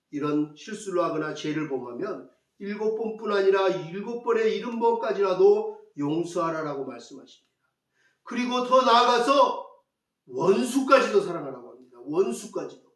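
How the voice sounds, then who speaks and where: A male pastor with a high voice preaches a sermon and keeps putting questions to his congregation. He repeats his key phrases to drive them home. The sound is roomy and echoing, picked up from some distance away in a church. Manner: asks the congregation rhetorical questions. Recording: echoey church hall, mic at a distance.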